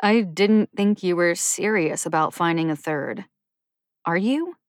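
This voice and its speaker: A woman's voice: fairly low pitch, measured pace, dry recording, studio quality, close to an everyday voice. A woman voicing a skeptical, grumpy young woman in her twenties who talks in a scowling, dismissive way, read as an audiobook character voice. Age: 20s.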